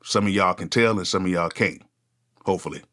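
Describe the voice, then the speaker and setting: This is a fairly quick, unscripted one-take chat to camera from a channel host and music producer in his 40s. He has a deep, low voice and a casual, conversational way of speaking, with "go ahead" coming up again and again.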